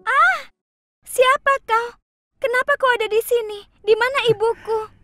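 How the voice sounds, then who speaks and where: A woman voicing a timid, sheltered young maiden in a cartoon, breathy and girlish. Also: extremely high pitch, fairly even intonation, brisk, fairly bright tone, faint music behind, voice pushed up. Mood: frightened.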